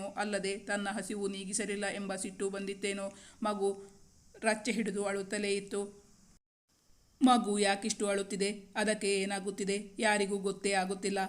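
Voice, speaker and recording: A woman narrating a romance novel as an audiobook storyteller, reading steadily and evenly. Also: medium pitch.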